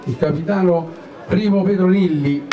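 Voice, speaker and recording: A man's voice: high-pitched, normal speed, highs cut off. A man hosting a live outdoor presentation as master of ceremonies. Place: outdoors at night in an urban open space. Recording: distant, noisy outdoor crowd recording. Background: crowd noise.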